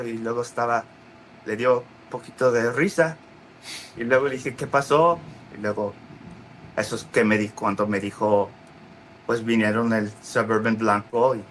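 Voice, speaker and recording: Halting man with a bright voice. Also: mid-range voice, slight background noise, rough recording. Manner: halting, many restarts and fillers, acts out quoted voices. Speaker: interview guest. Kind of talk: casual storytelling interview.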